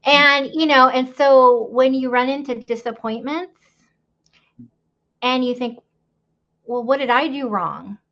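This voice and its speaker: Her voice high and her pace slow, a woman guest on a podcast recounts her faith story, pausing often. The conversation is candid and rambling, peppered with fillers and laughs, and the audio is dull.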